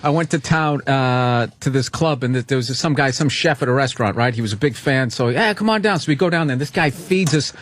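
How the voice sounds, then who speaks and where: A man's voice: medium pitch, a little fast, hardly any pauses, no echo. A man telling a comic story in casual radio banter, acting out what people said. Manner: animated storytelling, acting out quoted lines. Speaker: comedian guest on radio talk show.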